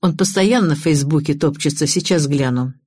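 A woman's voice: low-pitched, normal speed, darkish tone, breathy edge. A woman reading the part of a chatty, playful male hacker colleague in an audiobook.

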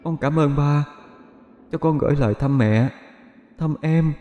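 A man's voice: on the high side, measured pace, reverberant, big-room sound, muffled recording, very noisy, pitched above the performer's own voice, close to an everyday voice. Man voicing a wistful ghost son. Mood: pleading. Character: dead young son's ghost, wistful, homesick.

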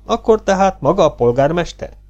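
A man's voice: sits high, lively intonation, darkish tone, lo-fi sound, pitched above the performer's own voice. A man putting on a nosy, needling doctor. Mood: coaxing. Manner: eager, needling questions. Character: prying, patronizing male doctor, middle-aged. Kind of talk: audiobook reading.

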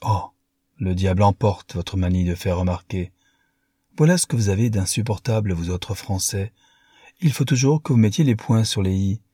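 A man's voice: fairly low pitch, normal speed, mellow, breathy edge, no room sound, studio quality. A man reading an audiobook, voicing a blunt American man who scolds his friend. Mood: reproachful. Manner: blunt, reproachful.

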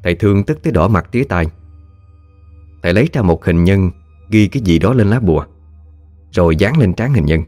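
Male storyteller, low voice, lively colloquial narration, dry audio over music. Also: brisk, long pauses, no echo. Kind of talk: scripted ghost-story narration.

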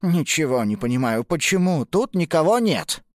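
A puzzled old grandfather who mutters and grumbles in a low voice, as a woman reading a children's book puts him on. His pitch swings widely from word to word, and the sound is close and dry. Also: very animated, normal speed, darkish tone, dry recording. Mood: grumbling. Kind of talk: audiobook narration.

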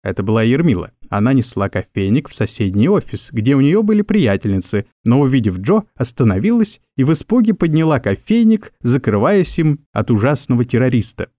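A man narrating an audiobook story in an expressive storytelling manner. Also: medium pitch, fairly quick, few pauses, no room sound, studio quality. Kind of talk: scripted narration.

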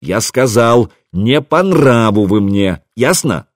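A man voicing a proud, quick-tempered boyar commander in an audiobook, commanding and blustering. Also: medium pitch, expressive, no echo, clean studio sound. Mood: furious. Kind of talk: audiobook character reading.

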